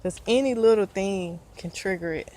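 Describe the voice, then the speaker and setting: A woman with a Southern US accent vlogs outdoors, talking in a casual, earnest, encouraging way, rambling with fillers and sounding a bit out of breath. Her voice is medium-pitched and darkish, at normal speed.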